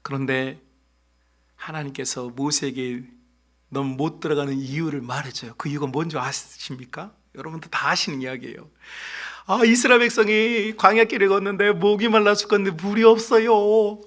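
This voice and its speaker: A middle-aged man preaching a sermon as pastor, telling a story with lively acted-out voices. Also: a little high, normal speed. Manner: animated storytelling, acts out voices. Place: church sanctuary.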